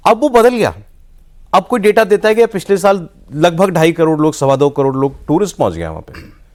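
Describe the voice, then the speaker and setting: Male news anchor, slightly higher voice, animated questioning style. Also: moderate pace. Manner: animated, questioning, mixes in English words. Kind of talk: hosting a TV discussion.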